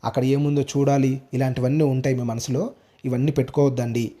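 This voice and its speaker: A man's voice: medium pitch, flat delivery, fast talker, warm tone, voice pushed down, natural voice. A man voicing a stern male hostel warden who scolds students with a concerned warning.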